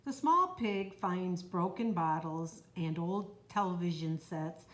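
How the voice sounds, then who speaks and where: A woman reading a children's picture book aloud in a slow, even, clear storytelling manner. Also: fairly low pitch. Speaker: storybook reader. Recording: roomy echo, faint noise.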